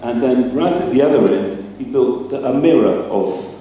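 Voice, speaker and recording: A sound effects maker speaks informally to a live gathering, demonstrating as he goes in a chatty, hesitant way that pokes fun at himself. His medium-pitched voice is mellow, with lively intonation and a moderate pace. The distant mic picks up faint noise and room echo.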